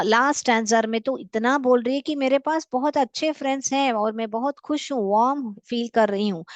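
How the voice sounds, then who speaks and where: A woman English teacher giving a lesson in Hindi mixed with Indian English, patient and repeating each word slowly in syllables. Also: a little high, no room sound. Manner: mixes Hindi and English, calls students "beta". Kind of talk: classroom lesson with dictation.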